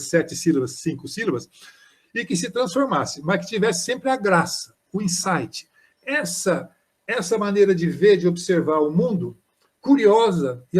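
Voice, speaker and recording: An older man, a poet, explaining poems in an informal live-streamed talk, reading verses slowly with frequent hesitations. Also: high-pitched, slightly rough. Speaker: poet and author presenting his book. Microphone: live stream microphone.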